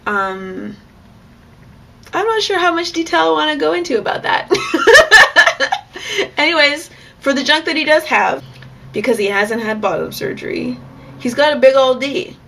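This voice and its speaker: A woman's voice: high-pitched, sing-song, unhurried, gravelly, long pauses, pushed and bright. A young adult woman talking frankly and chattily in a casual vlog monologue. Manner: frank, chatty, with bursts of laughter. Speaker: vlogger.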